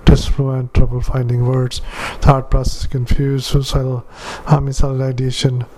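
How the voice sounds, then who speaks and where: A clinician dictating a patient report into a dictaphone, halting with frequent filler sounds and restarts. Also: male voice, mid-range voice, completely flat delivery, warm tone, a little hiss or hum. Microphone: handheld dictaphone.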